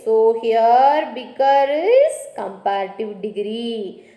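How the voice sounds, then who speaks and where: Indian English woman, college grammar teacher, mellow high voice, echoey room. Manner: slow, repetitive, says "okay" often. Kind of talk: grammar lecture.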